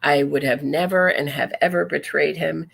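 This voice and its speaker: A podcast host with a low, creaky, slightly bright voice runs a true crime talk show, speaking in a steady tone at a moderate pace. She comments casually and reads messages aloud, often wandering off topic and correcting herself.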